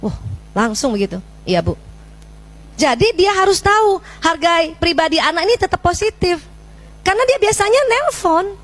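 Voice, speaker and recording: Middle-aged woman giving a lively parenting sermon, high voice, acts out talks with her kid. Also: a little fast. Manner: animated, acts out scenes with her child, addresses audience as Bu. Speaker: parenting speaker. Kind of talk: lively Islamic parenting talk to mothers.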